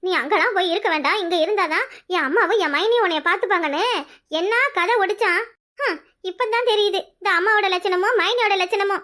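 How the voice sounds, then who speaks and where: A woman's voice: very high-pitched, quick pace, bright, forceful tone. A woman voicing a touchy young married woman who protests with wailing self-pity, in a southern Tamil Nadu accent. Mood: indignant. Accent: southern Tamil Nadu dialect. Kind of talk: cartoon voice acting.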